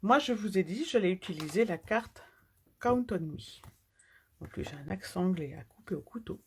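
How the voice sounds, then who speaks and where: A woman's voice: mid-range voice, expressive, normal speed, a little mellow, slight background noise. A woman from France chatting through a live card-making tutorial as she works with her hands, sometimes dropping to a near-whisper while she concentrates. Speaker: papercraft demonstrator.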